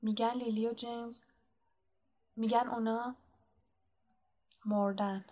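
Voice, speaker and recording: A woman's voice: fairly high pitch, little pitch movement, dark tone, natural voice. A woman voicing a stern, anxious older female witch professor in an audiobook, talking earnestly and pressing with questions. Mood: distressed. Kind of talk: audiobook character reading.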